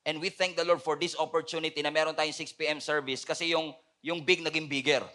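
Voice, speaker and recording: A male pastor with a Filipino accent preaching in a sermon, shifting between loud shouting and quiet joking asides. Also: on the high side, little pitch movement, brisk.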